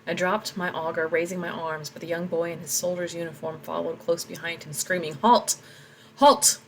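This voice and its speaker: Low-voiced woman reading her own story. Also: level tone, fairly quick, a little hiss or hum, rough recording. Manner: reflective, talks through her edits. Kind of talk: reading aloud and commenting on edits.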